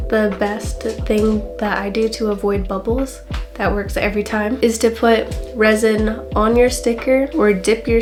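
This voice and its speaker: A woman hosting a casual hobby tutorial in a playful, rambling way. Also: mid-range voice. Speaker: hobby craft host. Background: music.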